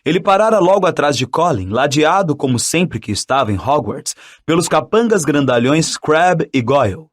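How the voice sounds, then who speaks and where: A man narrating an audiobook in an expressive, dramatic reading style. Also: a little high, moderate pace, hardly any pauses.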